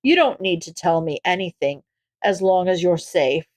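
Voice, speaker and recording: A woman reading aloud and voicing a big, kind older male hero who gently speaks as a fatherly mentor. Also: animated, moderate pace, close to an everyday voice. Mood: gentle concern. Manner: gentle, low and protective.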